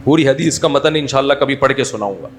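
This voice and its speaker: A man's voice: medium pitch, slight background noise. A middle-aged man with a Pakistani Urdu accent giving a humorous religious talk, conversational, with mocking asides. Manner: conversational, mocking asides, acts out quoted voices. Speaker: Islamic scholar giving a talk.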